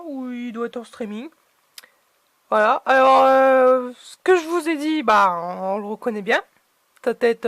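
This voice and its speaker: A woman's voice: sits high, no room sound. A woman chatting casually as she unboxes collectible figurines, hesitant and full of fillers.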